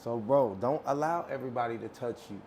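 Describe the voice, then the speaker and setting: Soft-spoken man, halting, faint hiss. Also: mid-range voice. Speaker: podcast co-host. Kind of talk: casual podcast conversation.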